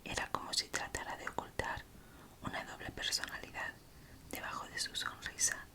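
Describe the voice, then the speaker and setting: Whispering breathily without voicing, a woman from Spain reads true crime aloud for ASMR. She keeps it soft and unhurried, speaking in short phrases with her Spanish accent.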